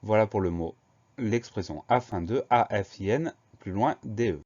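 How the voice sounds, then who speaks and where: Guy teaching spelling, lowish voice, spells every letter out slow, kinda dull lo-fi sound. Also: lively intonation, a little mellow. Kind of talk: spelling dictation lesson. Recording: dull lo-fi recording.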